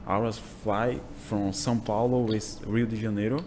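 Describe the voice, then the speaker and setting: A man in his twenties from Brazil with a Brazilian Portuguese accent, whose first language is Portuguese, speaking halting English with many "you know" fillers as an interview guest in a small home gym. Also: fairly low pitch, level tone, noisy background. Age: 20s. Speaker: guest, jiu-jitsu instructor. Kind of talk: casual interview.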